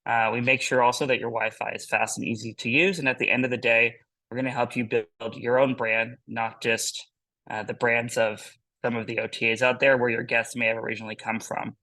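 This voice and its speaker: A man, a company founder, hosting and presenting a business webinar in an upbeat, pitch-style delivery. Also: flat delivery, brisk, pushed and bright, low-quality recording.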